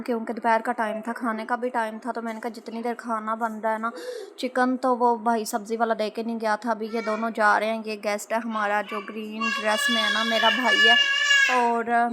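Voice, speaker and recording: A woman's voice: on the high side, noisy background. A Pakistani woman with a Pakistani Urdu accent, chattily narrating her housewife vlog as a voice-over from a room at home. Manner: chatty, storytelling, frequent filler particles. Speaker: housewife vlogger. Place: indoor room, no fan running. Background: children playing and shouting.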